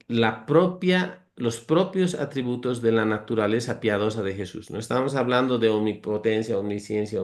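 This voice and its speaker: A man's voice: on the low side, darkish tone. Earnest man teaching Bible verses. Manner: earnest, explanatory, reads verses aloud and lists virtues; homely, humorous comparisons, addresses listeners as brothers.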